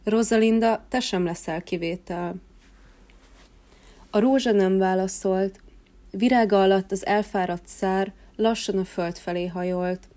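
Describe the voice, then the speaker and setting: A woman calmly reading a children's fairy tale aloud in a gentle narrating voice. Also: medium pitch. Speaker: storyteller. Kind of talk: storybook reading.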